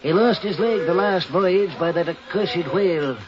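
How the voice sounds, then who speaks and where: An actor playing a gruff old Quaker whaling ship owner in an audio drama, using emphatic, archaic sailor speech. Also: male voice, high-pitched, a little slow, crowd noise. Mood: grave, warning. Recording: dull lo-fi radio drama recording, noisy.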